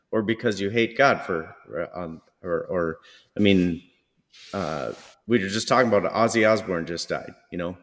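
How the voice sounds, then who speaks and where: Man, very low pitch, halting delivery, reverberant room. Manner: halting, with many fillers. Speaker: podcast co-host. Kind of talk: casual discussion.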